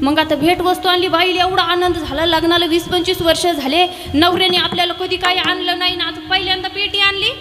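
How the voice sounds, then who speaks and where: A woman's voice: extremely high pitch, level tone, brisk, big-room sound, noisy background. A woman kirtan preacher telling a humorous devotional story, with teasing asides to the audience. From Maharashtra, India.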